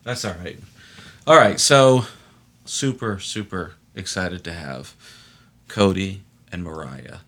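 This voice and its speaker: A man's voice: low-pitched, takes it slowly, fairly bright tone. A man co-hosting a casual podcast, chatting and teasing his guests. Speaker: podcast co-host. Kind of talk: casual chat. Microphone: podcast microphone.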